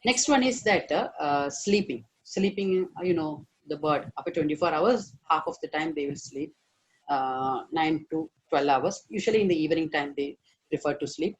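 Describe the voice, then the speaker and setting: A man's voice: a little high, moderate pace, rough recording. A man giving an online veterinary lecture, hesitant with many fillers and stressing key words.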